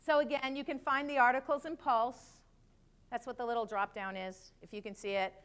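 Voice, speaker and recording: Conference speaker, middle-aged woman, higher voice, lively presenter with quick jokes. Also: smooth. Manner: lively, chatty, joking asides. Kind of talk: live presentation to an audience.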